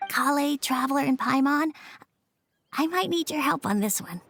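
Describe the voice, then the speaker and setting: A woman, working as a game voice actor, voices an earnest, imaginative young boy with sincerity in emotive story dialogue from a video game. The mood is hopeful and grateful. Her voice sits high and is expressive, with a fairly bright tone and normal speed.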